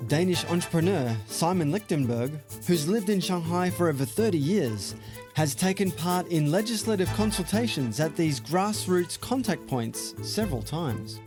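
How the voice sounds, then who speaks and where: Brief: male doc narrator, fairly high voice, calm and scripted, score underneath. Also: normal speed, over music. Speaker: documentary narrator.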